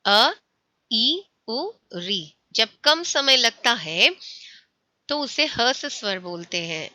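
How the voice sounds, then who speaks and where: A woman teaching a school Hindi lesson, saying words slowly, repeating them and often checking that her students follow. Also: a little high, lively intonation, bright, forceful tone, no echo.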